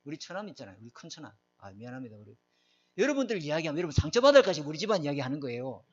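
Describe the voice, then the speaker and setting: Emphatic middle-aged male pastor, slightly high voice, dull lo-fi recording. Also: big pitch swings, very fast. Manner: emphatic, asks the congregation questions. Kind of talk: sermon.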